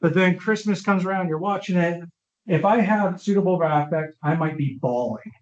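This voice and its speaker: A man delivers a conversational lecture on brain health, checking in with his listeners as he goes. His voice sits a little high. The sound is roomy and slightly muffled, like a lo-fi online session. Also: normal speed, slight background noise. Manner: informal, often checks understanding with the audience. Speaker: neuropsychologist presenting a talk. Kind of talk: conversational lecture with audience questions.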